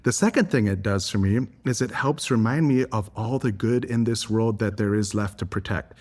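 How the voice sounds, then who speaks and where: This interview guest, an environmental advocate from Singapore, gives reflective, articulate and earnest replies. His voice is on the low side and a little mellow, delivered at normal speed.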